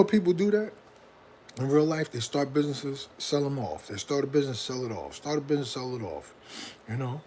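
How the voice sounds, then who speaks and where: A man's voice: on the high side, mellow, a little hiss or hum. Slangy New York man rambling live. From Brooklyn, New York. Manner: slangy, rambling, keeps asking "you know what I'm saying". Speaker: independent hip hop artist. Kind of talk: casual livestream talk. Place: outdoors near a bridge.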